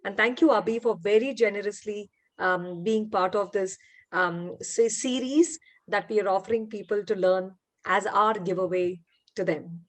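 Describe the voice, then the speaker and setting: A woman's voice: medium pitch, normal speed. Woman facilitator on a video call, encouraging, quizzing the group. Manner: warm encouraging, asks participants questions. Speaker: workshop facilitator and founder. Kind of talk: online workshop teaching.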